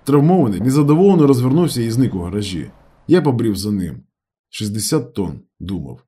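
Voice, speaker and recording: A man reading a novel aloud in calm, measured first-person narration. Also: mid-range voice, breathy edge. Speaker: audiobook narrator.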